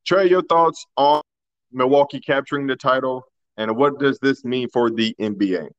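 A man's voice: medium pitch, normal speed, no room sound, highs cut off. A man co-hosting a casual sports podcast, talking loosely and colloquially, often restarting his sentences.

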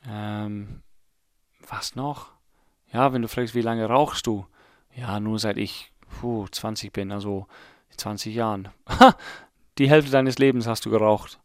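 An Englishman in his late thirties, a native English speaker, hosts a casual solo podcast in German with an English accent, rambling and poking fun at himself as he thinks aloud. His voice is lowish with fairly even intonation and a measured pace, recorded in clean studio sound with no room echo.

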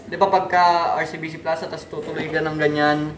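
A young man chatting casually with friends, explaining things in a halting, rambling way with many restarts. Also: a little high. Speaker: podcast co-host, episode's focus. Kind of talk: casual group chat. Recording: echoey room with steady noise.

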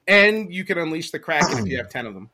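A man's voice: fairly high pitch, big pitch swings, fast talker, sharp tone, husky. A young man co-hosting a casual podcast, laughing often and asking rambling questions. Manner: giggly, asks rambling questions. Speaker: podcast co-host. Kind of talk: casual chat.

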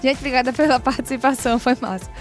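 A woman hosting a radio quiz in a studio, brisk and upbeat, reading each question slowly and clearly. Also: high voice, steady tone, faint music behind. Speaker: radio show host, quiz master.

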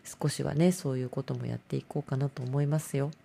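A woman's voice: very deep voice, fairly even intonation, brisk, gravelly, warm tone. A middle-aged woman hosts a casual solo talk show, rambling and self-mocking.

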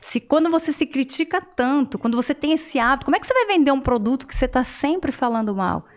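A Brazilian woman with a high, bright-sounding voice talks at a rapid clip. She tells stories animatedly as a career strategist guest on a podcast. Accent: Brazilian Portuguese. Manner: self-described high voice, animated storytelling. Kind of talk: podcast interview.

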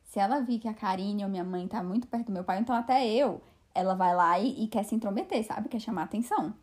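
A young woman co-hosting a casual podcast, relaxed, chiming in and adding details. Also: medium pitch, quick pace. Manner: relaxed, chimes in and adds details. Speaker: podcast co-host. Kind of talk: casual chat.

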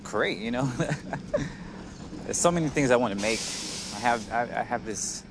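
A man hosting a casual, reflective solo podcast in a halting, hesitant way, pronouncing his r's like w's. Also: mid-range voice. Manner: says w for r, soft r sounds; hesitant, halting, with frequent chuckles. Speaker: podcast host. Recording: noticeable background noise.

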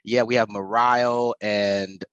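A man's voice: lowish voice, steady tone, takes it slowly, fairly bright tone, smooth, dry recording, highs cut off. An American man hosting a podcast in a casual, chatty style. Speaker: podcast host.

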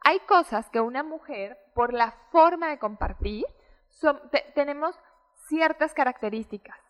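A woman, a guest expert explaining child development in an interview, animated and acting out the voices of parents. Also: high voice, a little slow. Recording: roomy hall reverb.

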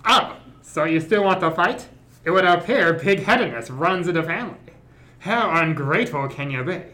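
A man's voice: on the high side, animated, normal speed, bright, forceful tone, low-quality recording. A man voicing a smug aristocratic male villain in an amateur anime fan dub, pompous and mocking. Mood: gloating.

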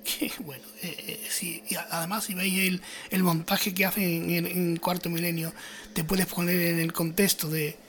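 Low-voiced woman host, stammering. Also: level tone, normal speed, a bit bright, faint music behind. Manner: stammering, supportive interjections. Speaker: interviewer host. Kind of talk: interview.

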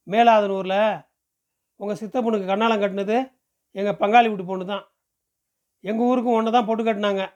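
A man's voice: high voice, darkish tone, natural voice. A man voicing a pushy, talkative middle-aged village man who fires off questions in rural speech in an audiobook. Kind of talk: audiobook character voice.

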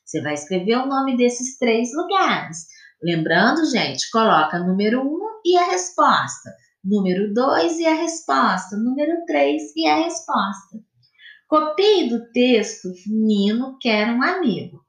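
Brief: Brazilian woman teacher, high voice, slow patient explaining, echoey room. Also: big pitch swings. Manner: slow, patient explaining, spelling out sounds and syllables. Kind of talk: recorded classroom lesson for pupils.

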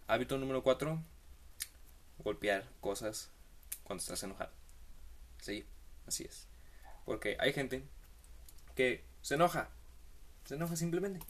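A man's voice: medium pitch, a bit bright. A man hosting a comedic monologue, giving rambling, slangy advice with playful asides.

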